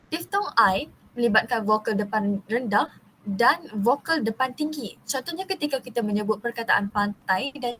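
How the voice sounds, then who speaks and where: A young woman from Malaysia reading a university class presentation, steady but often stumbling and restarting on long terms. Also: a little high, normal speed, a little hiss or hum, rough recording.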